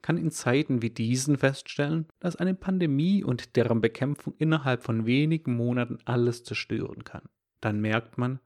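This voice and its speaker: A man delivering a scripted Christmas devotional, telling a story and then reflecting in a calm preaching manner. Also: mid-range voice.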